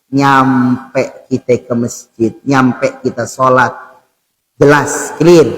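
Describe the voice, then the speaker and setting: A male preacher giving a conversational sermon in a mosque. He keeps addressing the congregation directly and swings between loud bursts and soft asides. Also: on the high side, rough recording.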